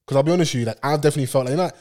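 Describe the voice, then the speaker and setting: A man's voice: on the high side, racing, a little mellow. A man with an urban London roadman accent, chatting casually and jokily in street slang like a podcast regular. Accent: London, urban street style.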